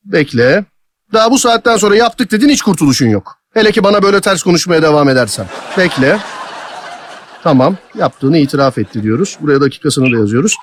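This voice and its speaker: Stern, scolding man, high and fast. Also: animated, slight background noise. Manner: stern, scolding, talks over the other caller. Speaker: prank caller. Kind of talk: prank phone call posing as an official.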